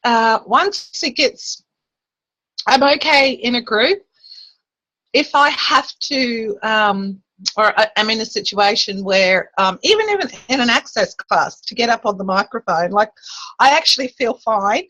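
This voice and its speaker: A woman's voice: on the high side, expressive, a little slow, pushed and bright, no echo, low-quality recording. A woman on a call asking a coach for advice, speaking hesitantly with fillers and restarts. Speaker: caller asking a question. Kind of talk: casual chat on a call.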